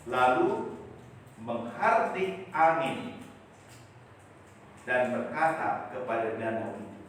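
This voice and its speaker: A male pastor preaching a sermon, swinging from loud acted quotes to soft, quiet lines. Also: mid-range voice, expressive, takes it slowly, slight background noise. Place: large church. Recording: echoey church hall, voice from far off.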